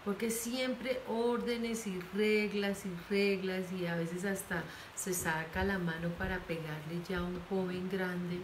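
A woman pastor preaching with earnest pleading, urging parents to speak gently. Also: medium pitch, fairly even intonation, measured pace, few pauses. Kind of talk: sermon. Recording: echoey room with faint noise.

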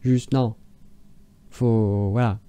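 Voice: medium pitch, steady tone, very slow, mellow, clear, resonant tone. A YouTuber mocking online classified ads in casual commentary. The speaker sounds exasperated and sarcastic and rambles with restarts.

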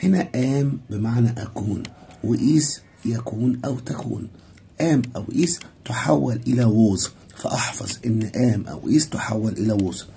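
Gravelly Egyptian teacher explaining grammar. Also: male voice, medium pitch, expressive, normal speed, warm tone, a little hiss or hum. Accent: Egyptian Arabic. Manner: asks students' questions aloud, then answers them himself; repeats each English term, then translates it. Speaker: English teacher. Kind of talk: primary school English grammar lesson.

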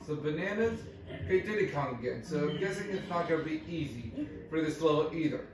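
A high-voiced gameplay commentator calls each move in short, expressive bursts at a fairly quick clip over game music. He sounds distant from the mic in a very echoey room with a noisy background.

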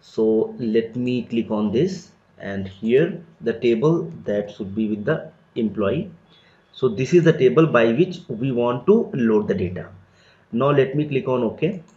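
Man walking through a software tutorial. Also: medium pitch, expressive, measured pace. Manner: step-by-step, plain explanatory delivery with frequent "so" and "let me". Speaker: tutorial instructor. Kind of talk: screen-recorded software tutorial. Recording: roomy, dull lo-fi recording.

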